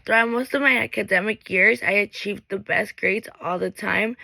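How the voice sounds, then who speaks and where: A bright, creaky-voiced young woman from Mexico in her late teens, medium in pitch, reads a prepared graduation speech as a graduating high school student. She's earnest and sticks to her script with small restarts; the audio is poor but has no echo.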